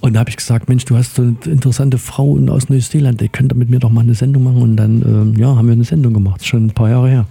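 Middle-aged male radio host, rambling with lots of fillers, very dark gravelly voice. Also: mid-range voice, little pitch movement, fast, hardly any pauses. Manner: rambling, filler-heavy, friendly questions. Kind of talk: casual interview chat.

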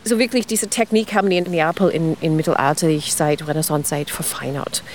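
A woman's voice: low voice, brisk, slight background noise. Woman explaining ice cream history. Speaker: ice cream expert guest. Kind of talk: radio interview.

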